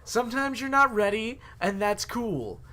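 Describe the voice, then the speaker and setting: A man's voice: high-pitched, animated, a little slow, bright, forceful tone. A young man co-hosting a podcast, chatting casually and giving eager, teasing advice. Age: young adult. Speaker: podcast co-host. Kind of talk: casual chat. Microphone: wearing on-ear headphones.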